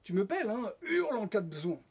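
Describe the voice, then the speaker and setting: A man's voice: high voice, big pitch swings, fast, slightly rough, pitched above the performer's own voice, full character voice. A man doing a bossy scolding puppet wife.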